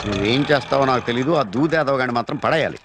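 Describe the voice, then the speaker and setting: A man playing a scheming film producer in a comedy scene, talking quickly and with lively inflection. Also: medium pitch, background noise.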